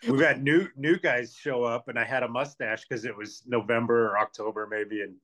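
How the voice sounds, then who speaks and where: Guest, man, easygoing casual replies, mid-pitched voice. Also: fairly even intonation, normal speed, fairly bright tone. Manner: easygoing, brief agreeing replies. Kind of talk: casual interview chat.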